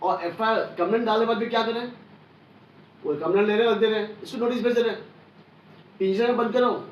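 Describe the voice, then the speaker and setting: A high-voiced man hammers out an angry political rant, forceful and repetitive. He sits back from the mic, and his voice rings around a hard, echoey room. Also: fast, distant mic, lo-fi sound, a little hiss or hum. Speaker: online news commentator.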